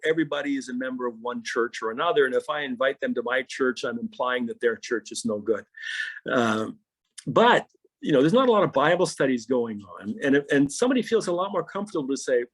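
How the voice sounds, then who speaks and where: Man, husky voice, middle-aged pastor, animated storyteller, restarts his phrases. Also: mid-range voice. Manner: animated storyteller, often repeats words when starting a thought. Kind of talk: conversational podcast interview.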